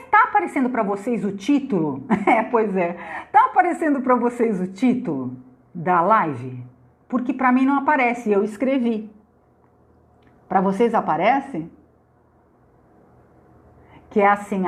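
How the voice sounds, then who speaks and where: A middle-aged Brazilian woman hosting a casual live stream from her phone, loud and chatty, greeting viewers by name and laughing often. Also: mid-range voice. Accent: Brazilian Portuguese. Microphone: phone on laptop.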